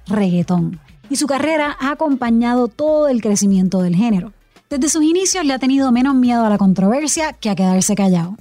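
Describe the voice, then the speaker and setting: A woman's voice: a little high, mellow, dry recording. Puerto Rican woman narrating a podcast. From Puerto Rico. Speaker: podcast host and journalist. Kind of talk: scripted narration and interview.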